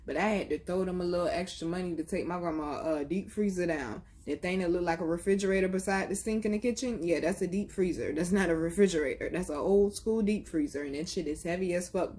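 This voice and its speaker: A woman's voice: lowish voice, fast, few pauses, darkish tone. A young woman telling a blunt, profane story in a casual vlog. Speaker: vlogger.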